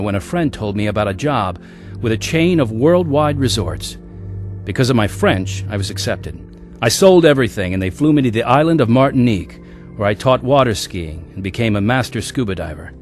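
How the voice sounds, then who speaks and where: A man's medium-pitched, darkish voice comes a little fast and expressive, lightly acted over soft background music. In a radio drama he portrays a restless, searching adventurer, narrating his own life in an earnest, reflective first-person account.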